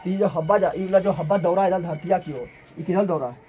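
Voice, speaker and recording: A male teacher, giving an animated classroom lecture and firing repeated questions at his students. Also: high-pitched, fast talker, muffled recording, faint music behind. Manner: animated, repetitive questioning, colloquial Hindi with regional forms. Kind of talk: classroom lecture with call-and-response.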